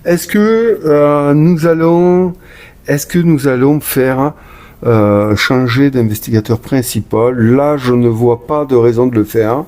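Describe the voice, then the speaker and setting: A man with a mid-range, slow, somewhat dark voice chats casually while playing a solo board game, reading cards aloud. He hosts the channel, talks to his viewers, mutters asides and sighs at bad luck.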